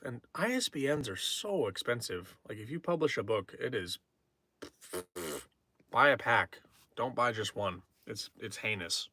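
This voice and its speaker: A man's voice: lowish voice, pushed and bright. A young man on a livestream, talking candidly and reflectively in a casual way, often trailing off and restarting his sentences. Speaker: poetry livestreamer.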